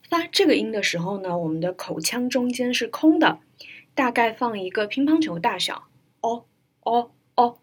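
Husky woman teaching English sounds. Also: fairly high pitch, very animated. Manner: slow, drawn-out model readings of English words. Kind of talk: pronunciation lesson.

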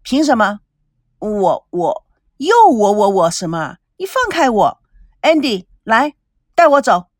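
A woman reading a novel aloud, voicing a proud, sharp-tongued young woman with indignant, quick retorts. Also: mid-range voice, big pitch swings, dry recording, clean studio sound. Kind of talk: audiobook character voice.

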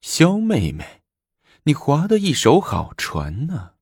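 A man's voice: fairly high pitch, wildly swooping pitch, darkish tone, slightly rough, no room sound, studio quality, pitched above the performer's own voice, full character voice. A man voicing a haughty, scheming young empress who sneers and commands punishments. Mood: sneering. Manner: sneering, drawn-out mocking lines.

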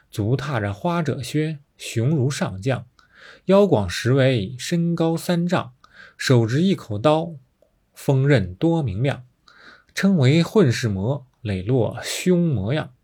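A man narrating a classic novel with expressive, dramatic storytelling. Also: mid-range voice, slow, breathy edge.

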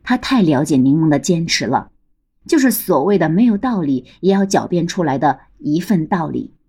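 A woman's voice: low-pitched, big pitch swings, normal speed, dark tone, breathy edge. A woman narrating a serialized audiobook with a lightly humorous storytelling manner.

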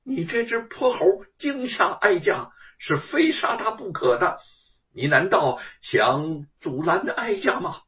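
A male storyteller voicing a haughty, vengeful imperial consort with a shrill, imperious voice. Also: sing-song, measured pace, recorded from a distance, highs cut off. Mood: furious. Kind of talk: traditional storytelling.

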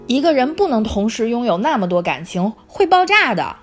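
Storybook: woman reader voicing a blunt teasing schoolboy, loud and raised. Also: fairly high pitch, sing-song, a little fast, soft background music. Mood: exasperated. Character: cheeky teenage boy, blunt and teasing. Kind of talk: audiobook reading.

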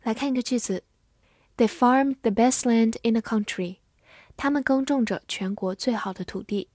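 A woman delivers a scripted English vocabulary lesson, spelling each word letter by letter and reading example sentences slowly. Her voice is fairly high with a darkish tone. The recording is dry, with clean studio sound.

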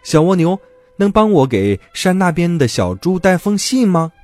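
A man's voice: high voice, very animated, moderate pace, darkish tone, dry recording, faint music behind. A man voicing a friendly, cheerful bear in a children's bedtime story.

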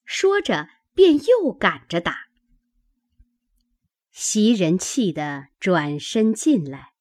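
A woman narrating a classic novel aloud with expressive storytelling. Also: mid-range voice, no echo, studio quality. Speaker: audiobook reader.

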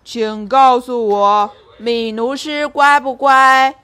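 A woman voicing a fierce, hungry male circus lion, roaring in slow, drawn-out shouts. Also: on the high side, smooth. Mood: menacing.

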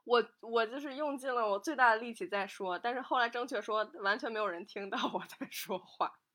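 A woman's voice: a little high, a little fast, fairly bright tone. A woman guest on a podcast, telling a story in casual chat, often repeating herself as she goes. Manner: hesitant, repeats herself while recounting.

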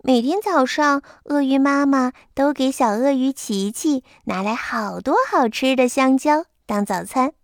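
A woman storyteller reading a bedtime picture book aloud, gently addressing children. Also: high-pitched, measured pace, hardly any pauses, no room sound, clean studio sound.

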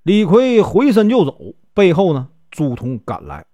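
A male storyteller with a Northeastern Mandarin accent, relaxed and folksy, sprinkling small fillers through the tale. His pitch moves a lot and sits somewhat high. The recording is close and dry. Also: measured pace, no echo, muffled recording. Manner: folksy, filler-laden telling. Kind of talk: casual storytelling narration.

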